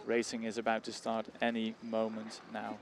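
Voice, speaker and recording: A man calling a rowing race live as a commentator, with hesitant phrasing full of small pauses. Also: on the low side, monotone. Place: outdoor regatta commentary spot beside the grandstand. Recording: crowd noise behind. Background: crowd.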